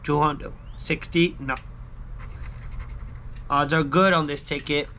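A man's voice: a little high, steady tone, slow pace, bright, forceful tone, slight background noise. A man in his thirties chatting casually to viewers as a vlog host, slangy and fond of repeating short catchphrases, recorded outdoors by a backyard pool. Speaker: scratch-ticket video host. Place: outdoors, backyard pool and screened poolside patio.

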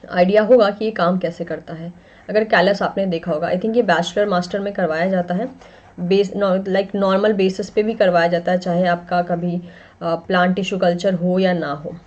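A young woman with an Indian accent teaches botany for an exam-prep course. She explains in a steady, mid-pitched voice and keeps pausing on little connecting phrases. The recording is slightly dull and lo-fi. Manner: explains in mixed Hindi and English, frequent "that is" and "ठीक है". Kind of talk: online exam-prep lecture.

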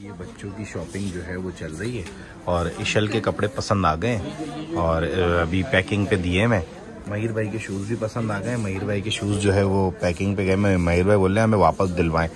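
A man's voice: sits low, moderate pace. A man from Pakistan with a Karachi Urdu accent, chatting playfully and teasing his children as he vlogs a family shopping trip. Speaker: vlogger. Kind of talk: casual family vlog. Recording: busy market crowd behind. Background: market crowd and traffic.

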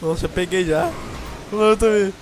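A man chatting excitedly while gaming, often shouting in alarm. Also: high voice, brisk, a little hiss or hum. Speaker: gamer. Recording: game music behind.

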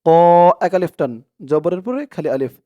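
A man teaching Quran reading. He chants each Arabic word slowly and loudly, then explains the pronunciation rules in quick, soft speech. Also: a little high, sing-song, no room sound, studio quality. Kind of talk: Quran reading lesson, recitation with Bengali explanation.

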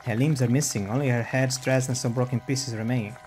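A man's voice: medium pitch, fairly even intonation, brisk, darkish tone, soft background music. A man streaming a game, reading its text aloud and adding casual commentary.

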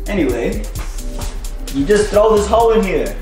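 A man's voice: high-pitched, very animated, unhurried, darkish tone. Goofy, profane young male vlogger. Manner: profane, slangy, rambling and goofy. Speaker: cooking vlogger. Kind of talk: casual joking cooking vlog. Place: home kitchen, indoors. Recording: echoey kitchen with music.

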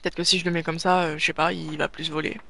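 A let's play gamer giving live gameplay commentary, thinking aloud and bursting into excited urging. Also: mid-range voice, quick pace, creaky.

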